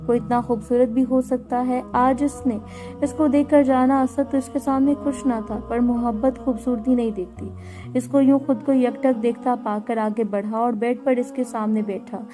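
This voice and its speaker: A woman narrates an emotional story in a steady, dramatic reading. Her voice is mellow and a little high. Soft music sits faintly underneath.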